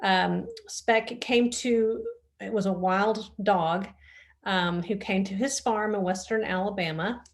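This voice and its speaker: A woman gushing about her favorite reads over a video call, warm with enthusiasm and full of little ums. Her voice sits at a middling pitch for a woman and the sound comes through a video-call mic. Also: steady tone, takes it slowly. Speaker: bookshop co-owner discussing books. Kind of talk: casual book chat over video call.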